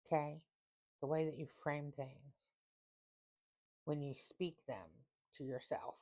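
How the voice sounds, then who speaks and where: A woman giving a casual tarot reading, reading card text slowly and repeating phrases for emphasis. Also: sits low, steady tone, mellow. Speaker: tarot reader.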